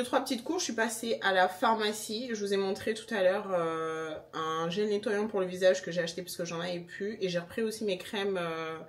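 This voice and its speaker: A young woman of Senegalese background chatting casually to her camera at home, animated and wry about food and her day. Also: medium pitch, distant mic. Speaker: vlogger. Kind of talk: casual vlog chat. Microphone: handheld pocket camera.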